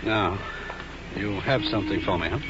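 An actor playing a suave, self-assured spy courier in an old radio drama, courtly and formal. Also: male voice, lowish voice, normal speed, over music, natural voice. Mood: expectant, suspicious. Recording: muffled old radio, noisy street effects.

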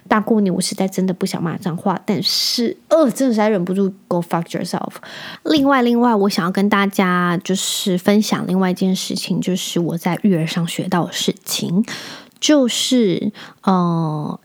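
Brief: Taiwanese-accented woman, 30s, podcast host, chatty and indignant, mid-pitched, slips in English words. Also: moderate pace. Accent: Taiwanese Mandarin. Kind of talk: casual chat.

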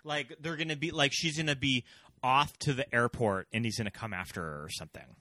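A man's voice: medium pitch, brisk, sharp tone, no room sound. A man discussing film casually as a podcast panelist.

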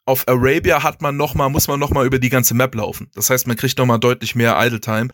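A man's voice: medium pitch, little pitch movement, fast talker, a bit bright, dry recording, clean studio sound. A man, casually explaining video game strategy, thinking aloud with restarts and chuckles. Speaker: guest strategy player.

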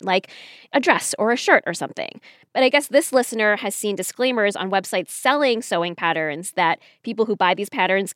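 A woman's voice: medium pitch, fairly bright tone, no room sound, clean studio sound. An American woman explaining things conversationally as a podcast co-host.

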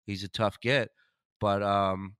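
Bright-voiced joking podcast host. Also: male voice, lowish voice, level tone, slow, smooth, dry recording. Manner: joking, profane banter. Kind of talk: casual podcast chat.

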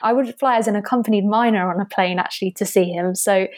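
A woman's voice: mid-range voice, fast talker, a little mellow, dry recording. A woman from Spain, a guest telling stories about her childhood in an open, reflective way with light laughter. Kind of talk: reflective casual storytelling.

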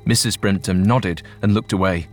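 A man narrating a ghost story in a measured, suspenseful storytelling manner. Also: low-pitched, fairly even intonation. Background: faint music.

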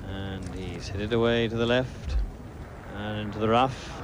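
A man's voice: lowish voice, a little slow. A man working as a golf commentator, calling play live in short, repeated exclamatory phrases. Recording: very noisy outdoor broadcast with loud crowd. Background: loud crowd and outdoor noise.

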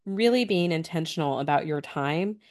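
A woman's voice: deep voice, lively intonation, moderate pace, darkish tone. A woman co-hosting a podcast and speaking in the earnest, encouraging tone of a business coach. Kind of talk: casual podcast chat.

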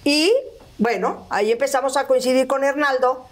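A woman's voice: high voice, moderate pace. A middle-aged woman from Mexico, a singer in a vocal group, telling stories in an interview and acting out who said what. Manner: animated, acts out quoted dialogue. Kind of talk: storytelling in casual interview chat.

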